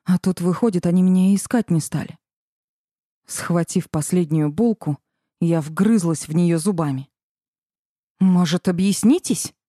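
A woman's voice: on the low side, moderate pace, mellow, dry recording, clean studio sound. A woman narrating a first-person fantasy audiobook in a wry, sardonic manner.

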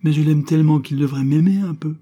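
A man's voice: a little high, fast talker, warm tone, slightly rough, voice pushed up. A man voicing an anxious, devoted six-year-old girl in an audiobook, with a pleading, plaintive manner. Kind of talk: audiobook character voice.

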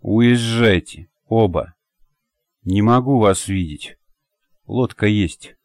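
A man voicing a bitter, hot-headed young husband in an audiobook, talking low through gritted teeth. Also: very animated, normal speed, dry recording, studio quality, close to an everyday voice. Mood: hollow.

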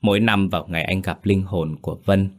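A man reading scripted horror story narration in a slow, grave storytelling manner. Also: sits low, fairly even intonation. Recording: faint background music.

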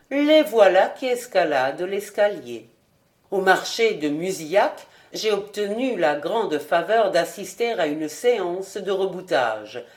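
A woman narrating a literary audiobook in a measured, clear reading voice. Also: on the low side, a little mellow. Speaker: audiobook reader.

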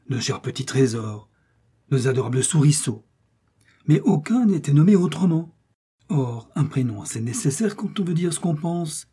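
A man reading a children's story aloud with a gentle, expressive delivery. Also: medium pitch, breathy edge. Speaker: narrator.

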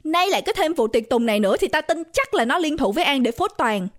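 A sharp-tongued young woman sneering at a rival in a spoken ghost story, voiced by a woman narrator. Her voice is high and clipped, blunt and dismissive. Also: animated, a little fast. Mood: scornful.

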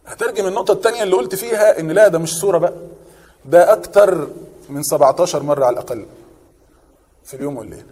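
A man's voice: on the high side, very fast, pauses often, in a large hall. A man with an Egyptian accent preaching a sermon, often asking his listeners a question and answering it himself. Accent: Egyptian Arabic. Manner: animated, asks and answers his own questions.

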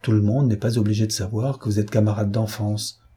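A man voicing a gentle, tactful princess who softly admonishes a young girl in a read novel. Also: on the low side, steady tone, fairly quick, breathy edge.

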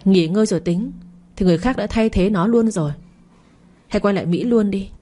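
A woman's voice: medium pitch, fairly quick, mellow, lightly acted. A woman voicing a stern, angry middle-aged mother who scolds and demands answers. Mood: scolding.

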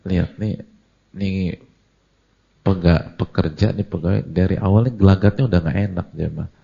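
A man gives a lively, conversational sermon and keeps turning to the audience with questions. His voice is very low, dark and husky, with plenty of gravel in it. The lecture recording is dull and lo-fi. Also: normal speed. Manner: animated, acts out quoted voices, asks the audience questions. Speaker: Islamic preacher.

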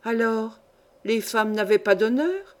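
A woman's voice: fairly high pitch, a little slow, close to an everyday voice. A woman reading a story aloud, voicing an earnest, romantic young girl who pleads with her grandmother. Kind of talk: audiobook reading.

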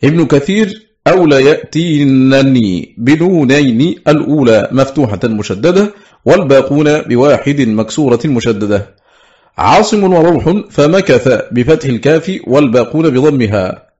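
Male reader of a classical text, measured and exact, mid pitch, muffled lo-fi recording. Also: animated, a little mellow. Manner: measured and precise, slowing to recite quoted words. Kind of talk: formal reading of a scholarly book. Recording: dull lo-fi recording.

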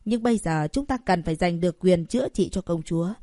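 A woman's voice: fairly low pitch, animated, quick pace, dark tone, dry recording, studio quality. A woman voicing a scheming, condescending male chairman of a medical association.

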